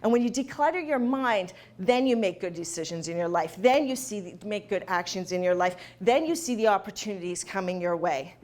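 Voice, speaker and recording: A woman's voice: medium pitch, expressive, a little fast, hardly any pauses, darkish tone. A woman giving a motivational talk to a live audience, emphatic and repeating key phrases for effect. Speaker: motivational speaker. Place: event hall.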